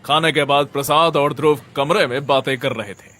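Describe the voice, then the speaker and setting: A man narrating a scripted audio story in a measured, dramatic way. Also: on the high side, steady tone, fairly bright tone.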